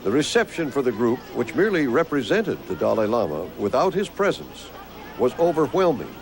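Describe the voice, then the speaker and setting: Casting: male documentary narrator, mid-pitched, very expressive intonation. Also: fairly quick, a little hiss or hum. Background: music.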